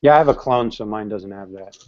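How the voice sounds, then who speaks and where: A man's voice: fairly low pitch, brisk, dull audio. A man hosting a casual live stream, giving short easygoing replies and laughing often. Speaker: live-stream show host.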